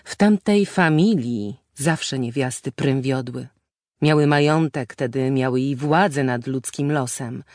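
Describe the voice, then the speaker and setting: A man's voice: medium pitch, unhurried, a little mellow, no room sound, studio quality, natural voice. A woman narrator voicing a brooding nobleman husband who speaks in grave, old-fashioned formal phrases. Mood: grim. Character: brooding married nobleman, bitter toward his family.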